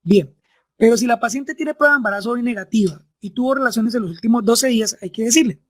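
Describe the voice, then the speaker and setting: A man's voice: extremely high pitch, quick pace, dry recording. Man lecturing, dry close sound. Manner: explanatory, checks understanding with frequent tag questions. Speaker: medical lecturer. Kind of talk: online medical class.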